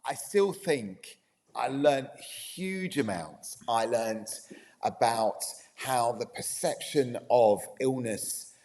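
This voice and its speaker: A man's voice: medium pitch, slow pace, big-room sound, slight background noise. A man speaking as a podcast guest, talking earnestly and with energy, often restarting his sentences. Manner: earnest, animated, many restarts. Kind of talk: casual conversation.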